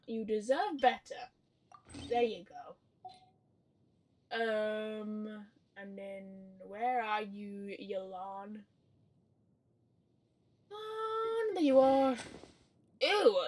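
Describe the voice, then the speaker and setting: On the high side in pitch but darkish in tone, a woman livestreams a game. Her casual stream chat is chatty, playful and meandering, sprinkled with loose swearing.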